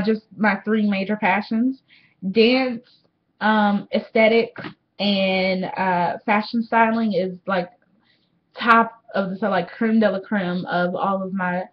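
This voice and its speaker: An eighteen-year-old woman talking candidly and rambling to a webcam at home in a casual diary vlog, swearing freely. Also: mid-range voice. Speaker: vlogger. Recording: slightly dull webcam audio.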